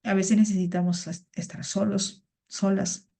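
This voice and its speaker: A woman's voice: medium pitch, level tone, a little slow, vocal fry, dark tone. A woman teaching a vocabulary class over a video call, patient and repeating words. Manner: patient, repeats words and greets students by name.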